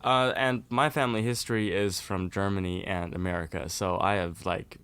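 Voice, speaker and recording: A young man from Norway talks in a relaxed, chatty way as a guest on an interview podcast. His voice sits fairly low and sounds smooth and resonant. He laughs easily between answers. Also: moderate pace. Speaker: guest musician. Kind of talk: casual interview.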